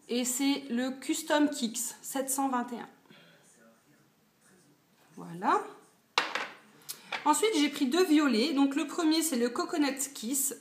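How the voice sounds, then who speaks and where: A woman in her twenties chatting casually about her purchases in a beauty haul video, with lots of fillers. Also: a little high. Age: 20s. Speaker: beauty vlogger. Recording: echoey room, faint noise.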